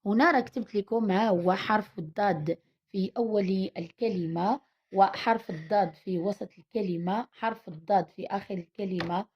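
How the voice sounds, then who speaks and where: Woman, Moroccan accent, teacher, slow drawn-out syllable reading, switches between Arabic and Spanish, breathy tone, muffled recording. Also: medium pitch. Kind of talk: reading lesson, sounding out letters and words. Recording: dull lo-fi recording.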